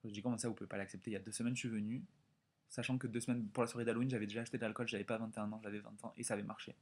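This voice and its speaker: A young man in his twenties from France telling a story in a casual vlog, animated and chatty with lots of quoted dialogue. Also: fairly low pitch, rapid-fire, husky. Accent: French. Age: 20s. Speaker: vlogger.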